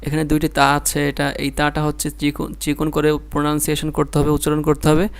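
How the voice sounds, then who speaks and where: This man teaches Quran recitation slowly, sounding out syllables one at a time and going over them again with patience. He has a Bangladeshi Bengali accent and a higher, clean-toned voice, delivered briskly and completely flat.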